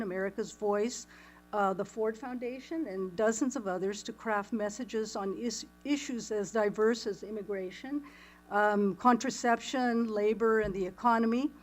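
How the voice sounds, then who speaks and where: A woman with a slightly higher voice introduces the panel speakers as moderator. She works through their bios steadily, with small pauses and restarts. Faint music is heard under her.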